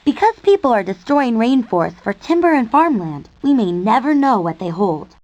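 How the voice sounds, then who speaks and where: A woman's voice: fairly high pitch, very animated, normal speed, a little mellow, dry recording, highs cut off. A woman giving scripted narration for an educational nature program.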